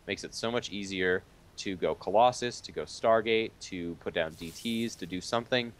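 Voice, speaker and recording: A man co-casting a video game match, calmly explaining the strategy in a casual way. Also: low voice, moderate pace, slight background noise. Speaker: esports co-caster. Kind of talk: game analysis commentary.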